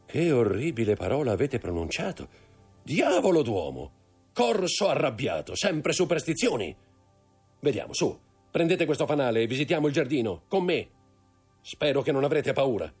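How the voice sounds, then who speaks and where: A cold, commanding nobleman who gives orders with cool irony. His delivery is gravelly and a little husky, with lively rises and falls. A man puts him on while reading a novel aloud. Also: medium pitch, moderate pace, soft background music, pitched above the performer's own voice. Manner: commanding, coolly ironic. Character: cold, imperious male nobleman. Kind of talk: audiobook character voice.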